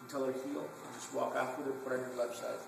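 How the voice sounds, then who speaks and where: A man working as a dog trainer, coaching an owner step by step in a hands-on lesson, giving clear directions. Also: mid-range voice, level tone, fast. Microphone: phone camera held away. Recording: echoey phone video from a distance, background noise.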